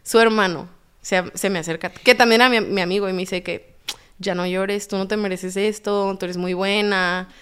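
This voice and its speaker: A woman with a Mexican accent, a podcast guest telling her own story in a lively way and acting out the dialogue. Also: mid-range voice, normal speed, smooth. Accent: Mexican Spanish. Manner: animated, acts out quoted dialogue.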